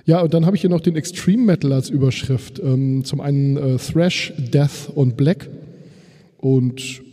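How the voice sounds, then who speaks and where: A man's voice: mid-range voice, a little slow, mellow, long reverb tail. A man hosting a casual music podcast, with a slight lisp on th sounds from a missing front tooth and a joking, self-deprecating way of talking. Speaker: podcast host.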